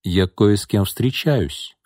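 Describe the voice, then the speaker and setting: A cold, guarded young man, as a male narrator reads him, answering in short, restrained lines. The voice sits low and dark, recorded dry and close. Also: takes it slowly, dry recording. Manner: curt, restrained. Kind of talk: audiobook character reading.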